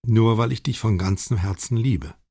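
A man voicing a quiet, reserved middle-aged father who speaks softly. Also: on the low side, normal speed, no room sound, studio quality.

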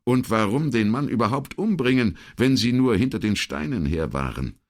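A man reading an audiobook as narrator, telling the story with expressive, lively intonation. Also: medium pitch, normal speed. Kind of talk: scripted narration.

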